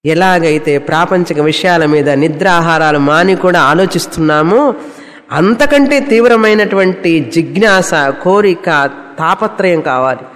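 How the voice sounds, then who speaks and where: A man teaching a spiritual discourse on scripture, asking rhetorical questions and repeating phrases. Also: sits high. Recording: long hall reverb.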